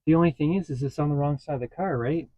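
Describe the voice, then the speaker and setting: A man casually telling stories in a vlog from inside his parked vehicle, getting animated as he retells what happened. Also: a little high, fast talker, no room sound, poor audio. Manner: chatty, animated when retelling a story. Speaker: vlogger.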